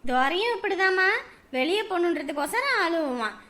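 A woman playing a scolding middle-aged village mother-in-law in a family drama, with a sharp tongue. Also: very high-pitched, big pitch swings, normal speed, heavily acted. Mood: fussing.

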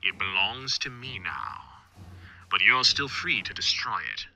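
A man voicing a mysterious vigilante who speaks from the darkness in a slow, low, grave whisper. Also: sharp tone, slight background noise, exaggerated voice. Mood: commanding.

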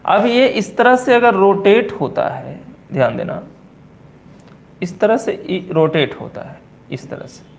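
A man with a Bihari accent teaching physics in a coaching classroom, repeating key terms slowly and asking and answering his own questions. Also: high voice, big pitch swings, creaky. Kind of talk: classroom lecture at a board.

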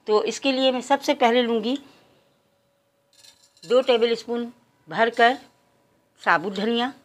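Slow and deliberate, a woman with a higher-leaning voice hosts her cooking show at home. She guides the audience through each stage of the recipe with formal address, counting out the quantities as she goes.

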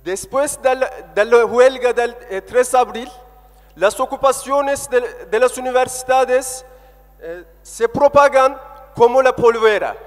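High-pitched man orating in an echoey hall. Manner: declamatory, impassioned oratory in short emphatic phrases. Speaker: political activist giving a speech at a rally. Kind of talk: political rally speech. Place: indoor hall at a public meeting, speaking from a lectern. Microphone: stand microphone at lectern through PA. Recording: echoey hall, long reverb.

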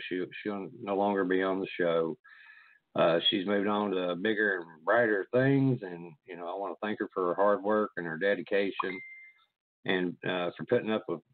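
Here a deep-voiced man hosts a casual interview podcast, cursing freely and rambling as he stumbles and restarts his sentences. The recording is dry and tinny, like a phone.

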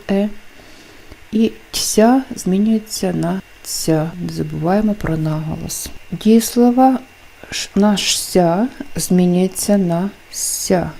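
Slow, mellow-voiced woman teacher. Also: on the low side, gravelly. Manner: slow, deliberate, enunciating example words. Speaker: language teacher. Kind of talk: explaining phonetics lesson.

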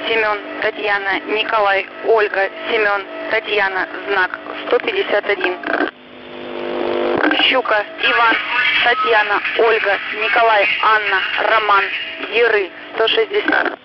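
A military radio operator reading coded groups in steady, measured radio procedure, heard over a field radio link. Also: medium pitch, loud music behind the voice. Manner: steady, measured spelling of call-sign words and numbers, repeated in blocks. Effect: transmitted over a field radio link. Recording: muffled radio with loud static.

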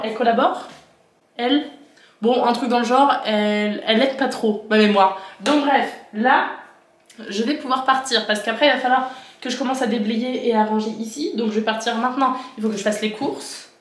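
Speaking to the camera from her living room, her car and a furniture store, a young woman vlogs about her lifestyle in a loose, rambling way, thinking out loud for her viewers. Her voice is a little high and a bit bright, at a normal pace.

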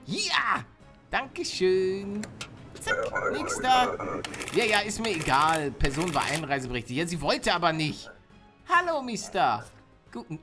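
A man with a German accent giving jokey let's play commentary, reading game text aloud. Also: sits high. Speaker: gaming YouTuber.

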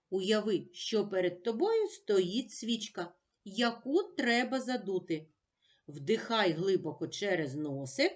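Woman teacher for a children's speech lesson: very slow, careful diction, lively sing-song pitch. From Ukraine. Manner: slow, clear, deliberate diction.

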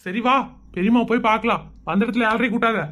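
A woman's voice: on the high side, fairly even intonation, fast talker, fairly bright tone. A woman acting a tipsy husband who fumbles excuses and scolds his wife in a comedy skit. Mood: bossy. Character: tipsy bumbling husband, middle-aged man, evasive.

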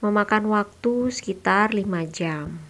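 A young adult woman narrating her travel vlog in a calm voice-over, promoting body care products. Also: mid-range voice, measured pace, a little hiss or hum. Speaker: travel vlogger.

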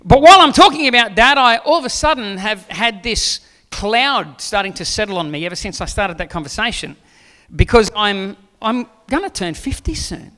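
High, bright-voiced pastor preaching. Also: male voice, lively intonation, moderate pace, hardly any pauses. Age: 40s. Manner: joking, conversational, then rising to preaching questions. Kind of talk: sermon. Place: church stage with seated audience. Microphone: handheld mic.

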